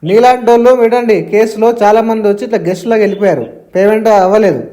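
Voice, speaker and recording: Guy arguing on a call, talks super fast, dark mellow voice, keeps repeating himself. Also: high voice. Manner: argumentative, repeats himself, mixes in English phrases. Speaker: borrower on a call with an agent. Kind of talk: heated phone argument.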